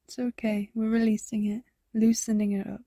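A woman guiding a body scan meditation, speaking softly and soothingly, often slipping into a whisper. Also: fairly high pitch, level tone. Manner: slow, soft, soothing, drifting into whispers. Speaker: meditation guide.

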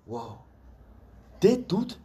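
A man's voice: sits high, very animated, very slow, mellow, husky. A man giving a conversational devotional sermon, telling a story earnestly with casual asides.

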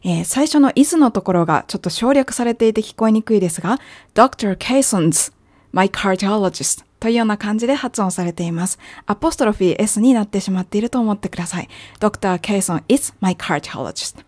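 A woman's voice: medium pitch, lively intonation, a little mellow, no room sound. Patient Japanese-speaking woman teaching English. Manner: clear, patient explaining, careful slow English examples. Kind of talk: language lesson narration.

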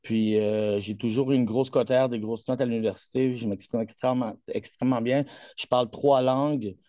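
A man's voice: medium pitch, steady tone, moderate pace, warm tone, no room sound, clean studio sound. A man with a Québécois accent, a coach chatting in an interview, boastful and rambling with many fillers. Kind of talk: casual interview chat.

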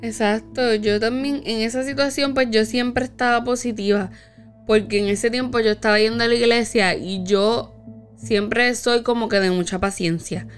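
A woman tells a story from her own life in a loose, chatty way. Her voice sits a little high, and she slips into the voices of the people she quotes. Soft music plays faintly behind her. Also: normal speed. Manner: animated, acts out quoted dialogue. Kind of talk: casual storytelling chat.

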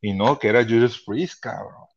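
A man, telling concert stories as a podcast guest in a casual, profane, animated way. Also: lowish voice, normal speed, vocal fry, breathy edge, lo-fi sound. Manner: profane, animated, many restarts. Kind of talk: casual storytelling chat. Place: Chula Vista hospital.

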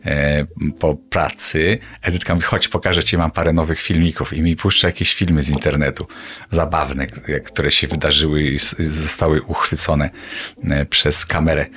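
A middle-aged man co-hosting a casual chat, animated and laughing often. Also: moderate pace, slightly rough. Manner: animated storyteller, laughs often, jumps up in pitch when excited. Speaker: podcast co-host.

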